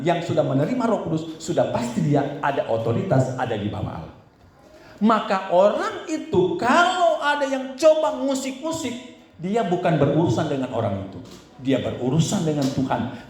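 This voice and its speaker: A man's voice: a little high, a little mellow. Man preaching in an echoey church. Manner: conversational preaching with frequent asides to the congregation. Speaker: pastor. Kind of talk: sermon. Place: church hall. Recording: echoey church hall with faint background noise.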